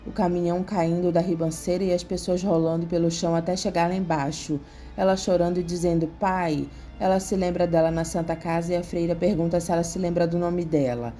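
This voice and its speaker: A woman with a Brazilian Portuguese accent narrating a soap opera recap in a steady, even reading. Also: fairly low pitch, quick pace. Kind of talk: scripted narration. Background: faint music.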